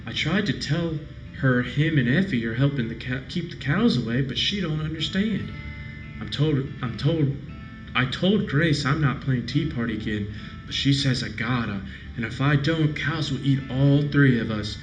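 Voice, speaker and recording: A man's voice: mid-range voice, lively intonation, moderate pace, echoey room, faint music behind, close to an everyday voice, poor audio. Man reading as a frightened little frontier girl. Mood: uneasy, sad. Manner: plain childlike folksy phrasing. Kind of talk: game diary read aloud.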